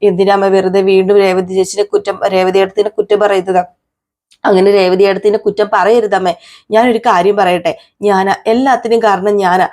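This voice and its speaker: ഒരു സ്ത്രീ, അമ്മയോട് കെഞ്ചുന്ന ആത്മാർത്ഥനായ ഒരു യുവാവിനെ അവതരിപ്പിക്കുന്നു. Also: female voice, medium pitch, flat delivery, moderate pace, darkish tone, natural voice. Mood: pleading. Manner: pleading, defending his sister-in-law. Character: earnest young man pleading with his mother.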